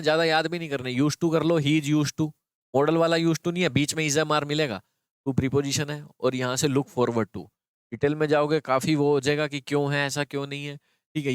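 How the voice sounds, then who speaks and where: A man's voice: a little high, clear, resonant tone, no echo. A man teaching an exam-prep English grammar lesson, explaining step by step and repeating key phrases to his students.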